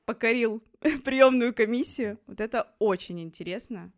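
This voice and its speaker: A woman's voice: a little high, normal speed. A woman hosting a podcast, asking questions in a casual, informal and eager way. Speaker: podcast host. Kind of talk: casual interview.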